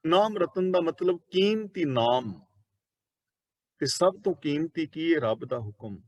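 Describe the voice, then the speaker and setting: A man with a Punjabi accent teaches a Sikh scripture passage line by line, in a slightly high voice. He draws out each quoted verse slowly and then explains it plainly. The recording is close and dry. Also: expressive, dry recording, highs cut off.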